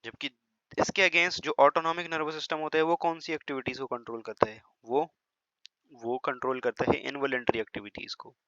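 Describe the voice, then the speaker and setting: A man's voice: mid-range voice, little pitch movement, sharp tone, dry recording. A man teaching a biology lesson in a classroom lecture style, chatty, with teasing asides and frequent checks that students follow. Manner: slows down and over-stresses words when demonstrating pronunciation. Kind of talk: classroom-style lecture in Hindi-English mix. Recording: slightly dull, lo-fi, dry recording.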